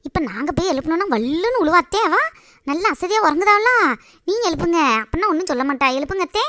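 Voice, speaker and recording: A woman's voice: extremely high pitch, animated, fast, background noise. A woman voicing an eager little girl in a cartoon, talking with a Tirunelveli Tamil accent. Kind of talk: cartoon voice acting.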